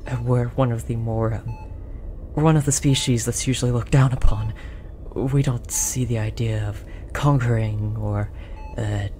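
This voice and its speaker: In a roleplay audio drama, a performer voices a tall, gentle alien researcher who apologetically soothes an abducted captive, speaking softly and hesitantly with earnest reassurance. The mid-range voice stays steady and natural, a little slow, with a soft comforting delivery. Background noise is audible, including a beeping monitor.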